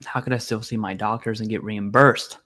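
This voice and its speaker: A man with a lowish, steady, sharp-toned voice speaks fairly quickly while hosting a casual live Q&A stream from his home setup. He eats as he streams, reading viewer questions aloud and answering bluntly and informally.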